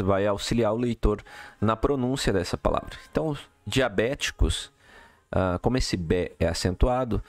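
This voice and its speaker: A man's voice: medium pitch, no echo. A man teaching a recorded lesson, walking through exercise answers step by step and checking in with the listener often. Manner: explanatory, checks in with "tá?" and "beleza?".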